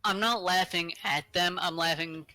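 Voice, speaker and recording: A man's voice: sits high, fairly even intonation, moderate pace, sharp tone, soft background music, poor audio. A young man co-hosting a podcast, telling a rambling story in casual chat with many fillers. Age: young adult. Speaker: podcast co-host.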